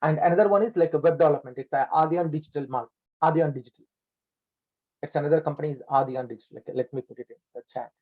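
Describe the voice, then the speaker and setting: A business owner, interviewed as a guest about his businesses over a video call, talks at length and quickly in a somewhat high voice, leaning on lots of "like, you know" fillers. The line is tinny and lossy, and the bad connection makes his audio break up and cut out.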